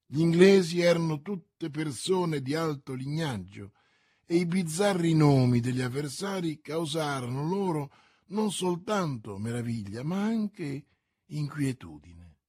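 A man narrating a classic novel aloud in a steady, measured storytelling manner. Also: a little high, slightly rough, no echo, clean studio sound. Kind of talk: audiobook reading of a classic novel.

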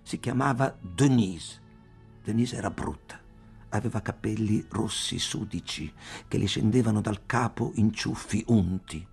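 A man narrating an audiobook in a measured, deliberate way. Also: lowish voice, vocal fry, a little mellow, slightly rough, soft background music.

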